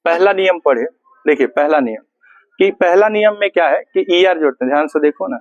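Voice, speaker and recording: High-voiced man drilling a grammar class. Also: expressive, brisk, dry recording, dull audio. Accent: Bihari Hindi. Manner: drills students with repeated questions and answers. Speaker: English grammar teacher. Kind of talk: classroom lesson.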